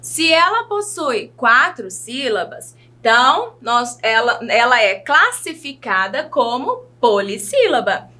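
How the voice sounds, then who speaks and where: Brazilian woman teacher for a kids' video lesson, fairly high and bright voice, patient questioning tone. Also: big pitch swings. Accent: Brazilian Portuguese. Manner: slow, sing-song teacherly delivery, asks children questions.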